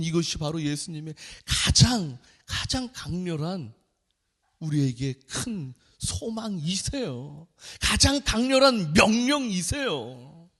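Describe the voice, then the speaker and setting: A male junior pastor preaching a sermon, impassioned and swinging from soft to loud as he tells a dream story to his congregation. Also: on the high side.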